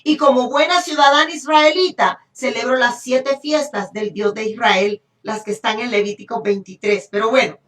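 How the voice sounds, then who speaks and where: Preaching a Bible lesson to her congregation, this Honduran Spanish-accented woman stays emphatic, repeats phrases and keeps asking rhetorical questions. Her fairly high, somewhat bright voice holds a steady tone at a moderate pace with few pauses. The recording is echoey, with the mic far away.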